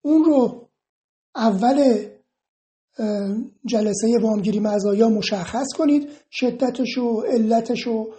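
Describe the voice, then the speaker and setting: Calm woman explaining tapping technique. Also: a little high. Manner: calm, reassuring, reads each question then explains. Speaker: EFT instructor answering viewer questions. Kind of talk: informal explanatory Q&A monologue.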